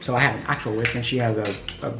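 A woman's voice: a bass voice, steady tone, fast. A young woman hosting a casual home kitchen vlog, chatty and explaining each step as she goes. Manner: chatty, explains steps, laughs often. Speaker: vlog host. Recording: echoey room with music behind.

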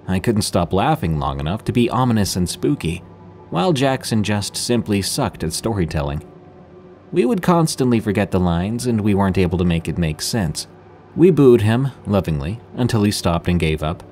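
The deep, darkish voice of a horror podcast host carries his dramatic narration of scripted horror stories. A little background noise can be heard.

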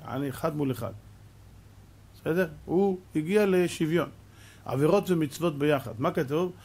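A middle-aged rabbi delivers a fiery sermon in a husky, somewhat high voice. He scolds and argues with rhetorical questions and acts out the voices of the people he quotes. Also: darkish tone. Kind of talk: Torah sermon.

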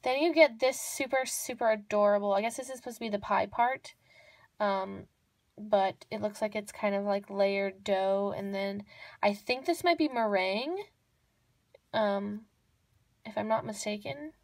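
A woman's voice: medium pitch, measured pace, dry recording. Gushing young woman showing miniatures. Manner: gushing, repeats words for emphasis. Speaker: toy unboxing vlogger. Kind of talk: casual show-and-tell narration. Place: indoors at a table. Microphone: off-camera voice over hands-on tabletop close-up.

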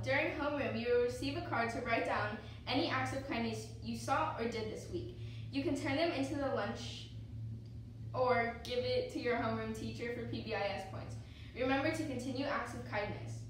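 A young female student reads the morning announcements with an upbeat, slightly high voice. Her words come through a school intercom loudspeaker, echoey and set back from the mic, with faint hiss underneath. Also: a little fast. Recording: echoey, distant intercom sound with faint noise.

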